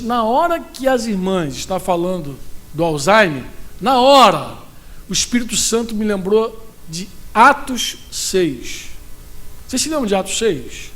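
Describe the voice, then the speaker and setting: Brazilian man preaching, high-pitched voice, animated, lots of asides to the crowd. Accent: Brazilian Portuguese. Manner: animated, talks straight to the audience with frequent asides. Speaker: pastor. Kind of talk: sermon at a pastors' conference.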